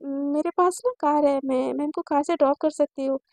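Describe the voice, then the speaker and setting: A woman's voice: sits high, steady tone, a little fast, vocal fry, darkish tone, dry recording. A woman voicing a tough, bossy young woman student who talks bluntly and threatens. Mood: insistent.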